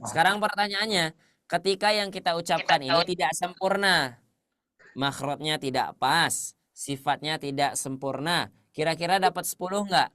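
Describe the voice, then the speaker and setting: A man teaching a tajwid class, quizzing his students and confirming their answers, at times chanting Arabic verses slowly. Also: fairly high pitch, pushed and bright, no room sound, clean studio sound. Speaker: Quran recitation teacher.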